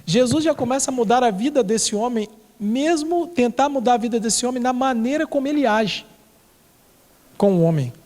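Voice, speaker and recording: A Brazilian male pastor preaching in a very high voice, telling stories and driving his points home by repeating phrases. He is recorded in a church whose hall adds a long, ringing reverb. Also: animated, normal speed, a little mellow. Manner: storytelling, repeating key phrases for emphasis. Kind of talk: sermon.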